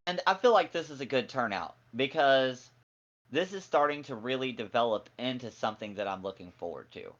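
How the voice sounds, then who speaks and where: A man in his forties co-hosting a casual wrestling review, excitable and jokey with a lot of slang. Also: mid-range voice, brisk, highs cut off. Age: 40s. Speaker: co-host.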